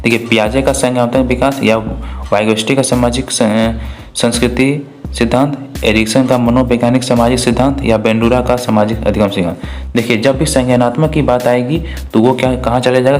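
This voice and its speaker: A man's voice: mid-range voice, darkish tone. Man teaching exam questions. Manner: repetitive, asks and answers his own questions. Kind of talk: spoken exam walkthrough.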